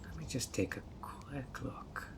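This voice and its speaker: Voicing the sweet but obsessive male fairy who hosts a tea party, a man coaxes a guest in an audio roleplay with honeyed, playfully sly, sweetly scheming charm. His mid-range voice is unhurried and creaky, with a little hiss or hum.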